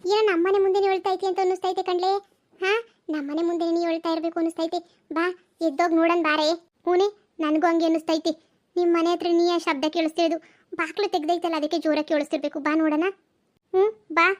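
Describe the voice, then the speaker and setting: A woman voicing chatty village women in a cartoon comedy, in a rapid, gossipy, exclaiming manner. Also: extremely high pitch, level tone.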